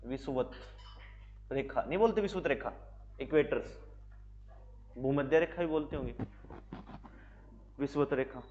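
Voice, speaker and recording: A man's voice: medium pitch, measured pace, long pauses, darkish tone, a little hiss or hum. A male physics teacher with a Haryanvi Hindi accent, lecturing a classroom and constantly asking questions he then answers himself. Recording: slightly dull lo-fi recording.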